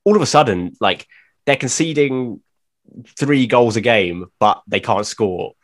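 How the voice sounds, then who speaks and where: A man's voice: medium pitch, measured pace. A man co-hosting a football podcast, talking bluntly and laughing often in casual chat. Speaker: podcast co-host.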